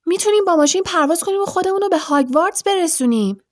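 A woman voicing an eager, excitable boy wizard in an audiobook, talking in quick, urgent bursts. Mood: excited. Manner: quick, urgent, high-pitched outbursts. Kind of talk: audiobook character voice.

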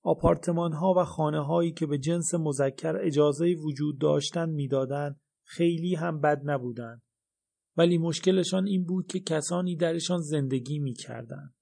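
Gravelly-voiced male audiobook narrator. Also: on the high side, dark tone. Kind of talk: first-person audiobook narration.

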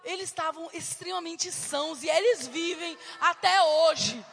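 A woman preaching a sermon and telling testimonies, fervent and emphatic, with sudden shouts. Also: extremely high pitch, fairly even intonation, normal speed, creaky, in a large hall. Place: church hall.

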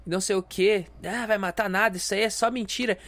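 A man's voice: high voice, steady tone, fast talker, a bit bright, no room sound. Brief: young man doing a bossy conservative mother brushing off her son. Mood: scolding. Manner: nagging, dismissive. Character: scolding conservative mother, dismissive.

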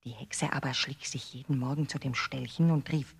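A woman narrating a fairy tale in a measured, expressive storybook reading. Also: a bass voice, vocal fry, husky.

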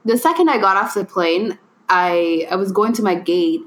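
A woman's voice: mid-range voice, animated, moderate pace. A young Canadian woman in a casual podcast chat, telling her travel stories with emphatic indignation.

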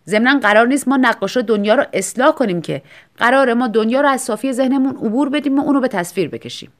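A woman voicing a calm, teasing painter. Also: fairly high pitch, pitched above the performer's own voice, lightly acted. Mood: amused calm. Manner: unhurried, teasing. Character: calm, amused male painter, self-assured.

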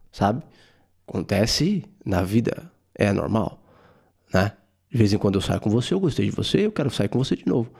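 Animated Brazilian man telling a story. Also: a little high, gravelly. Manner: animated, joking, rambling with many asides. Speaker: podcast host. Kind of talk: casual comedic storytelling.

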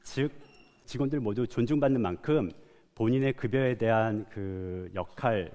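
A man's voice: mid-range voice, moderate pace, mellow, muffled recording. A man from South Korea giving a prepared public talk as an animator. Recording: long hall reverb.

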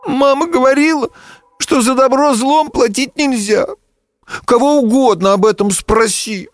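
A man voicing a small, trusting fawn in a storybook reading, in a thin, high, pleading voice. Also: measured pace, no room sound.

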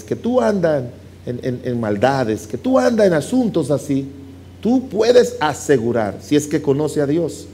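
Pastor preaching a sermon. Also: male voice, slight background noise. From Dominican Republic. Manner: emphatic preaching that swings between soft low asides and raised scripture reading. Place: church.

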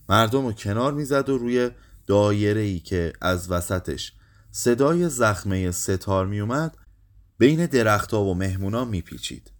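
A man reading a short story aloud, lively, raising his voice for the quoted lines. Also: fairly low pitch. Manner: lively, acts out quoted speech with raised voice.

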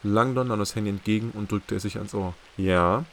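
Man, amateur audiobook narrator, low voice, measured; faint rain hiss behind. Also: steady tone. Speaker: audiobook reader.

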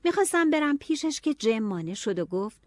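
A woman narrating an audiobook in a steady storytelling manner. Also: on the high side, no echo.

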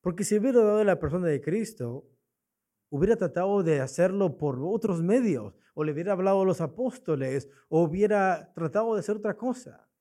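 A man's voice: sits high, expressive, brisk, dark tone. A man preaching a sermon in a church, asking his congregation rhetorical questions and repeating his key points. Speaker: pastor.

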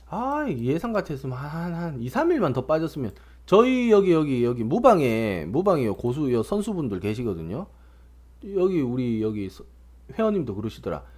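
A man's voice: mid-range voice, a little mellow. A man giving casual stock market commentary, rambling and provocative, tossing out constant tag questions.

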